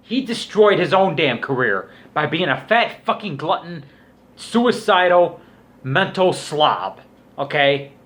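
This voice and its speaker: A man's voice: fairly high pitch, lively intonation, moderate pace, a bit bright. Crude, scornful man rambling in a vlog. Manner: crude, profanity-laden, scornful. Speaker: YouTube vlogger. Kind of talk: casual rambling commentary rant.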